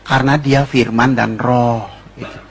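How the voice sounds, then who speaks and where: A pastor with a Betawi accent preaching a lively sermon, firing rhetorical questions and jokes at the congregation. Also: male voice, medium pitch, a little slow, a little hiss or hum. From Jakarta, Indonesia.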